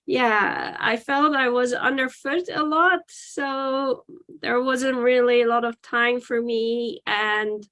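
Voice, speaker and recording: A woman's voice: fairly high pitch, fairly even intonation, slow pace, fairly bright tone. A woman in her forties from the Netherlands, a guest telling her life story candidly and reflectively in an interview. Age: 40s. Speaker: podcast guest.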